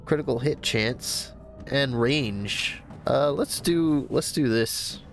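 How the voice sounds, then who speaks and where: Playing a game for the first time, a gamer offers casual let's-play commentary, thinking aloud in an easygoing way with upbeat exclamations. His mid-range voice sounds stuffy and congested, and he takes things slowly. Game music plays behind him.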